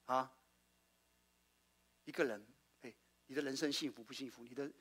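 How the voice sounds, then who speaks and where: A male pastor preaching a sermon, asking his congregation questions and swinging between loud exclamations and quiet asides. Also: mid-range voice, fairly even intonation, moderate pace, breathy edge. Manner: call-and-response preaching, asks the congregation questions.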